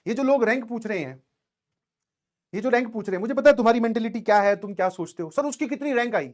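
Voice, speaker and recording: Talking quickly in a high-pitched voice, a male teacher gives his students a conversational pep talk. He tells stories from his own time as a student and keeps making sure they follow along.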